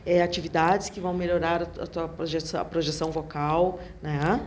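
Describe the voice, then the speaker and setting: A woman's voice: deep voice, level tone, fairly quick, darkish tone, a little hiss or hum. Emphatic southern Brazilian woman. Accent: southern Brazilian Portuguese. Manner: emphatic, acts out quoted speech. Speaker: speech therapist guest. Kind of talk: animated interview talk.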